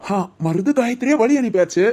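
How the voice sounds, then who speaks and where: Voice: medium pitch, expressive, fairly quick, warm tone, close to an everyday voice. A performer voicing a mischievous young village man in a cartoon. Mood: bantering. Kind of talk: Tamil cartoon voice acting.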